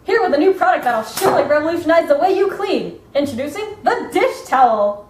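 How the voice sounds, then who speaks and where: A young woman playing a pushy, excitable infomercial pitchwoman in a parody ad. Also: fairly quick. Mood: peppy salesmanship. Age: young adult. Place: office-like indoor room. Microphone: camera across the room. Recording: roomy indoor echo, background noise.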